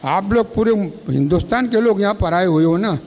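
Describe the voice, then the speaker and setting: Man, high voice, speech at a ceremony, storytelling anecdotes, long auditorium reverb. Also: lively intonation, moderate pace, a little mellow. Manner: storytelling, acting out quoted exchanges. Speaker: speaker at a felicitation ceremony. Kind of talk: public speech telling anecdotes. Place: college auditorium.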